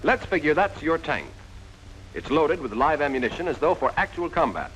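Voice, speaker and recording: This is a low-quality recording with slight background noise of an American man whose fairly high, slightly bright voice moves in a sing-song pattern at moderate pace. Narrating a 1940s army instructional film with a vintage soundtrack, he speaks in a direct, scripted, instructive style, addressing the trainee as "you."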